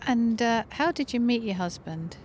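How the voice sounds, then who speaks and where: A woman's voice: a little high, lively intonation, moderate pace, darkish tone, slight background noise. A woman interviewer asking curious, lightly teasing questions.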